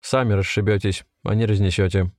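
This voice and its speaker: Man voicing sly village builder, unhurried, folksy, low voice, dry close. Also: fairly even intonation, darkish tone, no echo, natural voice. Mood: sly calm.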